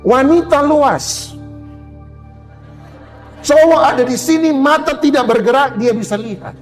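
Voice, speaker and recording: A man's voice: very high voice, a little slow, in a large hall, faint music behind. A male pastor preaching a humorous sermon, joking and acting out little quoted exchanges. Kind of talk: humorous sermon to a women's gathering. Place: church hall.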